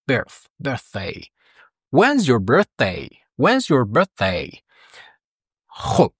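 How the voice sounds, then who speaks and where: Lively Iranian teacher drilling English phrases. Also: male voice, medium pitch, no echo, studio quality. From Iran. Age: 30s. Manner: patient, repeats English phrases slowly for practice. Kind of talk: recorded language lesson.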